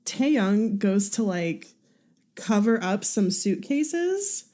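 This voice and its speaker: A woman's voice: mid-range voice, very animated, takes it slowly, mellow. A woman co-hosting a fan podcast, recapping clips and steering the conversation in a chatty way. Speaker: podcast co-host. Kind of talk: casual podcast chat.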